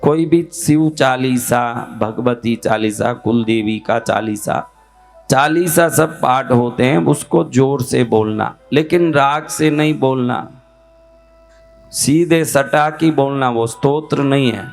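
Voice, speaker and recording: A man's voice: mid-range voice, takes it slowly, vocal fry, soft background music. A man giving a devotional teaching talk as a spiritual teacher, putting questions to his listeners and then answering them.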